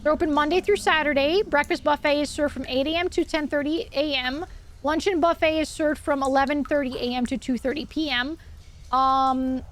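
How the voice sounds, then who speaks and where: A woman livestreamer chatting casually and reading aloud with asides, in a cute, bubbly, enthusiastic anime-streamer manner. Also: high voice. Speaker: horror livestreamer. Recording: clear background noise.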